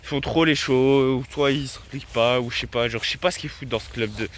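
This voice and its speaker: This young man in his late teens is a vlogger, talking loosely to his audience with plenty of self-mockery and frequent laughter. He speaks quickly at a medium pitch, his tone steady and fairly bright, over a little background noise.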